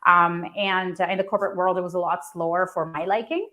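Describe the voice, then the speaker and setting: A woman's voice: fairly low pitch, fairly even intonation, fairly quick, bright, forceful tone. A woman in her thirties from Pakistan, telling her personal story at a startup event in a conversational way with lots of fillers and restarts. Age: 30s. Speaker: founder and speaker.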